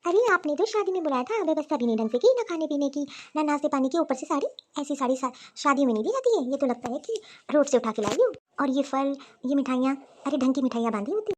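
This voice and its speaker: A woman's voice: high voice, animated, fast, hardly any pauses, a little hiss or hum. A woman voicing a stern, proud elderly grandmother-in-law in a cartoon story who scolds and lectures her family. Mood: complaining.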